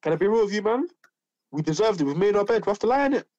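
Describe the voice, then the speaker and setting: A man chats in a high, hurried voice. He stutters into his points with repeated words, on a dry recording. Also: lively intonation, darkish tone, dry recording, dull audio. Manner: stammering starts, repeats words emphatically. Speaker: football podcast panellist. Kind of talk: casual chat.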